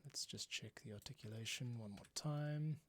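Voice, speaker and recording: In his small home closet studio, a man livestreams his work as a composer, casually explaining and thinking aloud as a relaxed tutorial. He has a mid-range, slightly bright voice and speaks at a moderate pace. Music cues play behind him.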